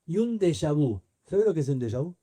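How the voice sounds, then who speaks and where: Rioplatense preacher telling a Bible story. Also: male voice, on the high side, big pitch swings, a little fast, mellow, no echo. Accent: Rioplatense Spanish. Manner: storytelling, asks the audience questions. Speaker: youth camp preacher. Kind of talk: sermon.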